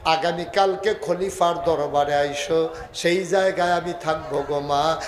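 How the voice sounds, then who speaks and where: A man preaching a waz sermon, telling a story with dramatic swings from soft pleading to shouting and sing-song wailing. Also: a little high, steady tone, measured pace, echoey room.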